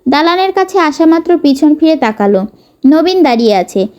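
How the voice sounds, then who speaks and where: A woman narrating a romance novel in a steady, expressive reading. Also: sits high, moderate pace, lo-fi sound. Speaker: storyteller.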